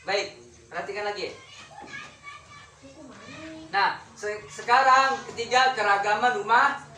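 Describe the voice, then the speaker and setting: Heard from afar in a roomy classroom with slight background noise, a woman teaches her pupils slowly in a sharp, medium-pitched voice. The schoolteacher peppers them with questions and keeps repeating the important words.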